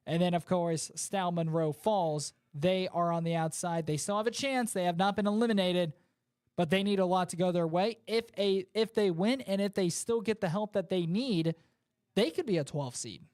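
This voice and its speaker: A man hosting a high school football talk show, running through playoff scenarios and chatting with his co-host. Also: moderate pace, darkish tone, clean tone, no echo, clean studio sound.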